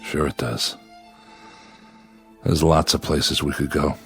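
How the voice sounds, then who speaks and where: In heavily acted radio drama with confessional narration, an actor portrays a lonely man devoted to his android companion, shifting between yearning and defensiveness. His bass voice is gravelly, steady, and slow, the mood tender and eager, over faint background music.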